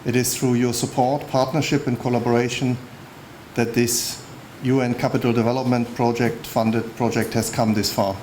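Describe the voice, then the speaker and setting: Even-toned man reading a formal speech. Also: mid-range voice, normal speed. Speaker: United Nations official giving a speech. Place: public launch event venue. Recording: faint background noise at event.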